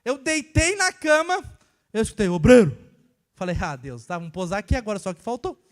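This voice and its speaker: A young man from preaching a casual sermon, telling a personal story and swinging between hushed and emphatic delivery. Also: high voice, huge pitch swings, fairly quick. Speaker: church worker preaching.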